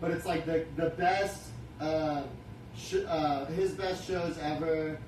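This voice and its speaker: A man's voice: a little high, steady tone, slow, darkish tone. A man co-hosting an interview show, chatting casually and often groping for words. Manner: hesitant, groping for words, enthusiastic. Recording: very echoey room, distant mic, noisy.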